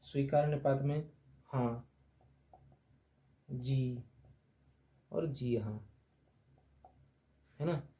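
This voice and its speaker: A man teaching a grammar lesson, who asks and answers his own questions and repeats each term slowly while writing on the board. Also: mid-range voice, fairly even intonation, dark tone.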